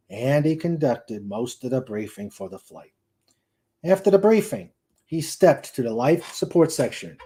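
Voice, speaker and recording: A man with a mellow, medium-pitched voice narrates a novel as a dramatic, audiobook-style reading. He reads carefully but stumbles over words now and then.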